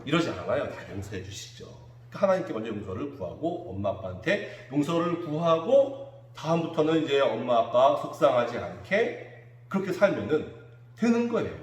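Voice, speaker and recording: Lively male children's pastor, echoey hall. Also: mid-range voice, a little fast, slight background noise. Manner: animated, acts out children's quotes. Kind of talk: children's sermon. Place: church room.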